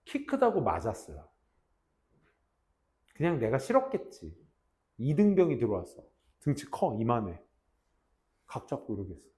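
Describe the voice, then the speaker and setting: A man in his thirties, a teacher telling a class a story in a casual, animated way and acting out shouted army roll calls. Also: medium pitch, moderate pace, pauses often. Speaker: English teacher.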